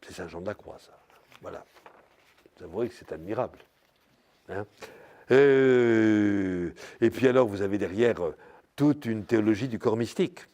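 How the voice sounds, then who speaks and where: An older man, a priest, giving a spiritual lecture in a slow, searching way, full of pauses and filler words like "hein" and "euh". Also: on the low side, expressive, a little mellow. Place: parish hall or church.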